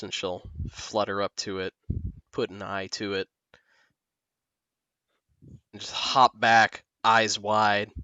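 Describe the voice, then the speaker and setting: A man narrating a tabletop game as game master in an unhurried, descriptive way, laughing easily. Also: on the low side, bright, forceful tone, dry recording.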